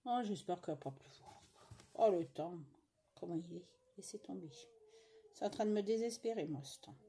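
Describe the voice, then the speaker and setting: A woman's voice: fairly low pitch, normal speed, dark tone, breathy edge. A middle-aged woman from France chatting casually while she stitches, grumbling and rambling with many fillers and asides, recorded at home. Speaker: cross-stitch vlogger.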